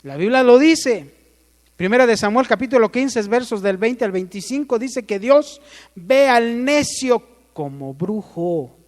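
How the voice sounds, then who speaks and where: A man's voice: very high voice, lively intonation, a little slow, in a large hall. A man with a Mexican accent preaching a sermon, asking the congregation questions and calling for amens.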